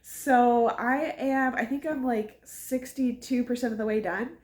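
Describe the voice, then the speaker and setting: A woman chatting casually and cheerfully in a book vlog, often saying "like" and laughing softly. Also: fairly high pitch, fairly even intonation, measured pace. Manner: chatty and upbeat, with frequent "like" and soft laughs. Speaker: book vlogger. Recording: echoey room.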